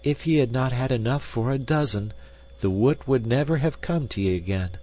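A man reading aloud, voicing a worried, caring wife in a raised, gentle voice. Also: normal speed, lightly acted, rough recording. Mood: tender. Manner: gentle, pleading, higher voice. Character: anxious caring Dutch wife, middle-aged. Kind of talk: audiobook character voice.

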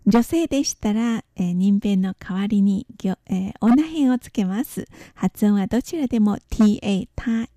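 A woman leads a radio language lesson, explaining Chinese words and their tones. She speaks slowly and carefully, spelling out sounds letter by letter. Her voice is mellow and soft, recorded close and dry. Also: medium pitch, no room sound. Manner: slow, careful, spells out pronunciation.

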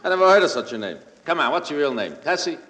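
A man's voice: on the high side, very animated, quick pace, fairly bright tone. A man with a Brooklyn accent doing a brash, wisecracking comic monologue on an old, echoey radio broadcast with a studio audience. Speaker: comedian.

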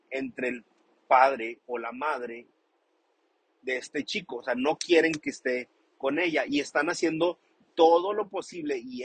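A man calmly explains the meaning of a song's lyrics, often rephrasing and repeating himself as he thinks aloud. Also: on the high side, husky, poor audio. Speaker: song commentator. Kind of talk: casual explanatory commentary.

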